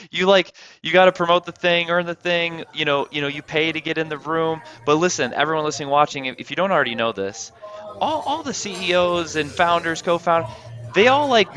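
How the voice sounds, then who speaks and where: A man hosting a business interview show, talking in a hyped, fast way and often repeating words. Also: a little high, a bit bright. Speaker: podcast host. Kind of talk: energetic interview intro and chat.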